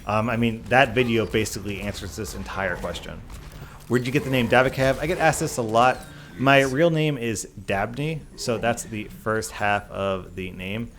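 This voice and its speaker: Male gaming YouTuber answering questions: conversational, sincere and emphatic, mid-pitched, with slight noise behind the voice. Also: normal speed, fairly bright tone. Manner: earnest, emphatic, repeats phrases in runs for emphasis. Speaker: YouTube gaming content creator. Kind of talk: casual Q&A vlog talk, reading questions and answering.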